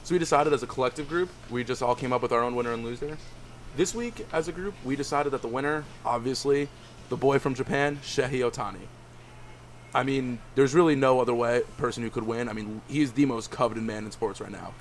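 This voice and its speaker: A man's voice: mid-range voice, brisk, a little hiss or hum. A young man hosting a casual sports podcast, upbeat and steering the segments, often repeating words. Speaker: podcast host.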